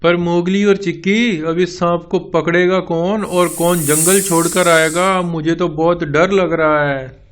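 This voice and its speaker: A man's voice: high-pitched, steady tone, a little slow, fairly bright tone, a little hiss or hum. A man voicing a village father who urgently calls his family for help. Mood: fearful.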